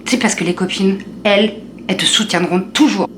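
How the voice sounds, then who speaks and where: A woman's voice: mid-range voice, fairly quick, a little hiss or hum. Chatty, teasing woman comedian. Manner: chatty, direct address, teasing. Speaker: comedian vlogger. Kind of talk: comedic monologue to camera.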